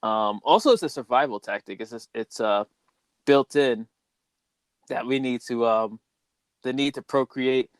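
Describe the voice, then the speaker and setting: Give me a man hosting a casual podcast chat, exclaiming and thinking aloud, mid pitch, dry sound. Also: measured pace, pauses often, clean tone, no echo. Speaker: podcast host.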